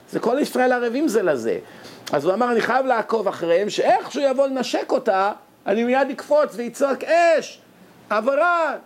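A man, preaching by telling a story and acting out the voices of its characters. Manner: animated, acts out characters' voices with sharp pitch jumps. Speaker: religious preacher. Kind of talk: sermon storytelling.

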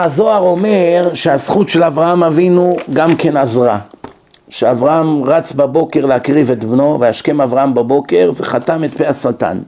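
A man giving a religious lecture, telling stories and acting out the dialogue with lively, questioning delivery. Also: on the high side. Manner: animated storytelling, acting out dialogue. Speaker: rabbi lecturer.

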